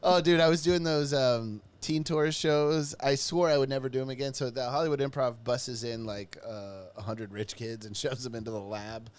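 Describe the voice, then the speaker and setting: A man's voice: medium pitch, steady tone, normal speed, hardly any pauses, clean tone. A man co-hosting a comedy podcast, telling a story with frequent laughs and swearing in casual banter. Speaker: podcast co-host.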